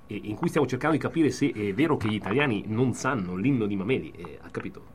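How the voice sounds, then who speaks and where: A man's voice: fairly low pitch, lively intonation, quick pace, slight background noise, close to an everyday voice. A man posing as a famous singer on a radio prank call, hesitant and stammering with many filler sounds. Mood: bumbling.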